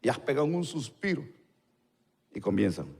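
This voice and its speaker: Animated male pastor in a reverberant hall. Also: medium pitch, normal speed, creaky, breathy edge. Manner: animated, acts out dialogue in quieter voices. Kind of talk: live sermon storytelling. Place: church hall. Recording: long church-hall reverb.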